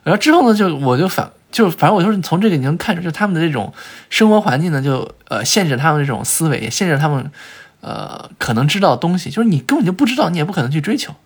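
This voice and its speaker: A man as a podcast guest, telling travel stories in an animated way, with frequent filler sounds and restarts. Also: fairly high pitch, fast talker, slightly rough. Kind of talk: conversational storytelling in a podcast interview.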